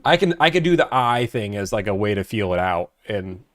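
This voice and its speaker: Low-key man with a lively pitch range. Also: fairly quick, no room sound, clean studio sound. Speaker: host, car buying negotiator. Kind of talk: casual phone call and talk to an online audience.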